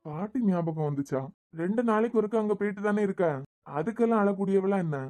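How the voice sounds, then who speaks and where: A woman's voice: medium pitch, fast talker, dark tone, close to an everyday voice. A woman voicing a caring young husband in a cartoon, talking in a soothing, questioning way with a Kanyakumari Tamil accent. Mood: concerned. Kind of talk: cartoon voice acting.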